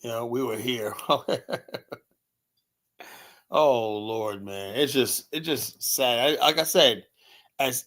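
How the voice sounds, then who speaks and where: Medium in pitch and fairly bright in tone, a male streamer host delivers heated, blunt political commentary that keeps repeating itself. "You know" fills his pauses, and he mocks people by repeating their words in put-on voices.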